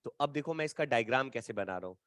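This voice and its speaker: A man's voice: mid-range voice, lively intonation, fast, fairly bright tone, dry recording, clean studio sound. A man teaching physics in a lecture, explaining step by step and teasing his students with playful colloquial asides. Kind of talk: classroom lecture at a whiteboard.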